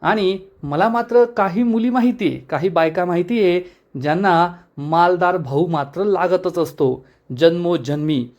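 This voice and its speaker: A man voicing a proud, quick-tempered young wife who answers back curtly. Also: high-pitched, a little mellow, dull audio. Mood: defiant. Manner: curt, defiant.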